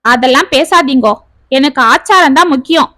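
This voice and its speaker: A woman's voice: sits high, moderate pace, pushed and bright, no echo, clean studio sound. A woman voicing a stern, tradition-bound elderly mother in a spoken family story. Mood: indignant.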